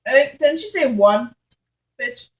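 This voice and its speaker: A woman's voice: on the high side, very animated, slow, a bit bright, recorded from a distance. A female speaker in casual chat, recorded in an echoey, noisy room. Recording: echoey room with clicky background noise.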